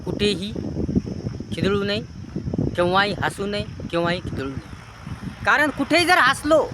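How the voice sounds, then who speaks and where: High-pitched guy preaching life advice, repeats himself a lot, noisy outdoor audio. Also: sing-song, a little slow. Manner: repetitive, listing near-synonyms in long chains; earnest, preachy. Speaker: motivational speaker. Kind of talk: moral advice monologue.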